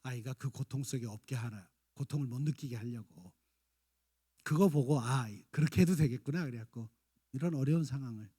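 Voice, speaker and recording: A man's voice: mid-range voice, a little fast, husky. A man in his fifties preaching a sermon, acting out scolding and tender lines in turn. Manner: acts out parents' and children's lines, jumping between shouts and soft coaxing. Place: church sanctuary.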